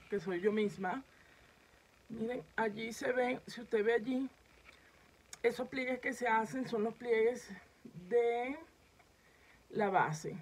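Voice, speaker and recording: A woman's voice: fairly high pitch, rough recording. A woman makeup vlogger demonstrating a makeup tutorial, chatting directly to her viewers as she films herself at home. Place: home setup filming herself.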